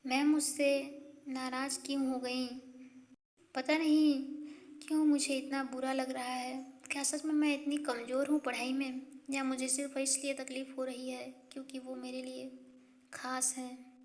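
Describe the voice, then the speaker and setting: A woman voicing a shy, sensitive young woman student in an audio story, speaking softly and hesitantly. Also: high-pitched, flat delivery, a little slow, long reverb tail. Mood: tearful. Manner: soft, hesitant.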